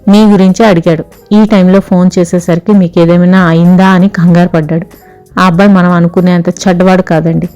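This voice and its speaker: A woman voicing a soft-spoken, patient middle-aged wife in an audio story, with a kindly but firm way of talking. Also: lowish voice, flat delivery, brisk, faint music behind, natural voice. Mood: gentle coaxing.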